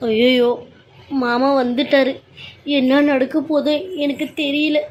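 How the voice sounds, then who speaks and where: A woman's voice: high voice, steady tone, measured pace. A woman voicing a timid, tearful pregnant young daughter-in-law who pleads with her husband. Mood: fearful. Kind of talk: amateur serial-story voice acting.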